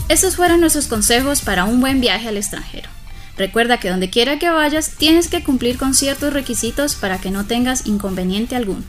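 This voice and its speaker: Woman teacher, slightly high voice, repeats every phrase, soft music under it. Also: normal speed. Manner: repeats each phrase twice, clear and steady. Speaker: co-host of a language lesson. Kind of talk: teaching English phrases in Spanish.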